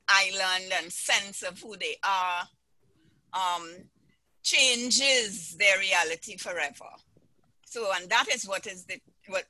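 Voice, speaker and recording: Panelist on a video call, slow and deliberate, very bright, dry sound. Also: mid-range voice, no room sound, low-quality recording. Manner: slow and halting, repeating words. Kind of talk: casual panel discussion.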